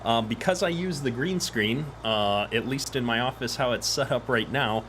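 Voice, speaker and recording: A man's voice: mid-range voice, normal speed, fairly bright tone. A man hosting a casual game live stream, easygoing and chatty, in an echoey room. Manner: easygoing, chatty greetings to viewers. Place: echoey home office. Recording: echoey room, clear background noise.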